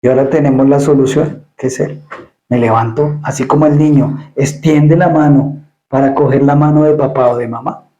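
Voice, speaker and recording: A male pastor preaching an emphatic sermon, often repeating words and acting out quick asides. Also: medium pitch, steady tone, warm tone, reverberant, dull audio.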